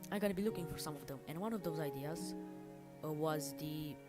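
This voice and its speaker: Over background music and keyboard typing, a woman with a deep voice talks fairly quickly during a livestream. She develops games as a hobby and, while working, chats casually, thinking aloud and making informal, self-deprecating remarks.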